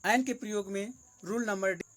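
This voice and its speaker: High-voiced man teaching grammar. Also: fairly bright tone. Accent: Hindi-accented English. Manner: repeats rules and examples slowly, explaining each. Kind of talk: exam-prep grammar lesson.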